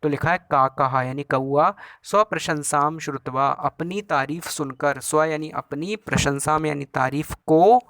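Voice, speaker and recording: Male teacher, explanatory, repeats and glosses each word, somewhat high-pitched. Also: measured pace, few pauses, a bit bright. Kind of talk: Sanskrit lesson, translating a story line by line.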